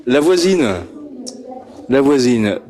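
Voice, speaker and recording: At a homework-help group, a man questions children in a friendly way, passing a handheld microphone around. His mid-range voice is darkish, with lively intonation and a slow pace. He stammers, repeats words, and chuckles often.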